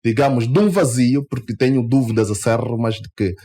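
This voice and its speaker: A man with an Angolan Portuguese accent sits as a guest in a radio studio. His voice is mid-pitched and he talks emphatically. When he is indignant his pitch shoots up sharply. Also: fairly quick, dark tone. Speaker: interview guest, party member. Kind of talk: radio interview.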